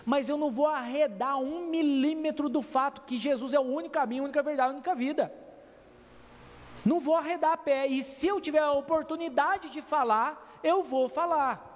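A man from Brazil, preaching a sermon as pastor, telling lively stories and acting out the voices in them. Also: very high voice, brisk, hardly any pauses. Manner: lively storytelling preacher, acts out quoted voices. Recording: long church hall reverb.

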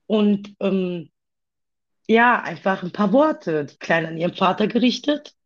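A woman talking haltingly about her own past in a personal conversation, with many pauses and fillers. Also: mid-range voice, animated, dull audio.

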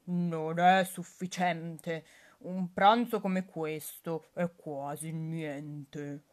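A woman's voice: deep voice, fairly even intonation, very slow. A woman doing a sly greedy storybook wolf. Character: greedy sly male wolf, gruff and slow. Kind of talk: storybook reading.

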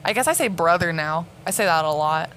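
Young woman cohosting a podcast, bright voice, giggly and chatty, faint hiss behind. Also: lowish voice, expressive, fairly quick. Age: young adult. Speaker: podcast co-host. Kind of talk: casual chat.

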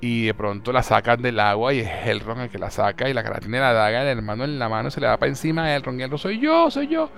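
A young man with a Venezuelan Spanish accent, chatting casually as a podcast host and recapping a series in an animated way. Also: mid-range voice, fast, vocal fry, few pauses, soft background music. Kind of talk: casual chat.

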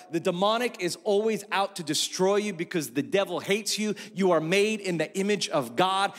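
A man delivers a sermon from the pulpit, his voice pitched high for a man. He leans on emphatic repetition and builds intensity as he goes. The sound rings with the long reverb of a church sanctuary. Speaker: pastor.

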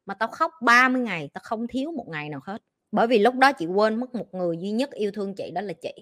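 Middle-aged woman, life coach hosting a Q&A podcast; blunt, slangy scolder, fairly high voice. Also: fairly bright tone. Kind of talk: podcast Q&A advice.

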